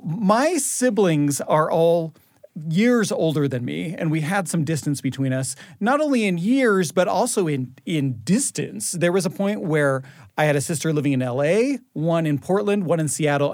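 Lighter, higher-voiced male podcast host. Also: a little mellow, no room sound, clean studio sound. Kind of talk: casual chat and announcing.

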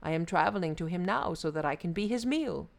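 A woman's voice: lowish voice, lively intonation, a little fast, creaky. A woman voicing a sad, kind male Brahmin who moans that he is doomed. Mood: mournful. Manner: moaning, mournful.

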